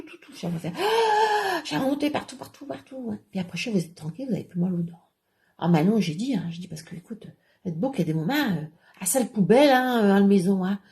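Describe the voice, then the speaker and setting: A woman's voice: lowish voice, mellow, lightly acted. A woman playing a chatty, gossiping village woman in a rambling comic monologue that keeps dropping into confiding whispers. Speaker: comic segment character.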